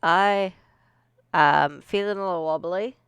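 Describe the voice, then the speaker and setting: A woman's voice: on the low side, unhurried, a bit bright, clean tone, no room sound. A woman streamer chatting casually to her live audience, a little out of breath, rambling and often laughing. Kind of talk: casual livestream chat.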